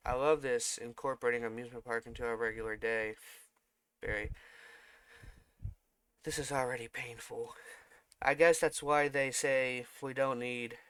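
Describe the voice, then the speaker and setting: Bright, crisp man reading a script. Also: medium pitch, no room sound. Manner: reads all parts in one mostly plain voice, with small slips and self-corrections. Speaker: meme video host reading a film script aloud. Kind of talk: comedic script reading with stage directions.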